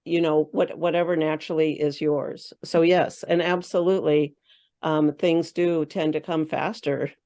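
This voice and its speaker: A woman spiritual coach chats casually as a guest in an interview, thinking aloud with frequent fillers and restarts. Her voice is low and dark in tone, steady and unhurried.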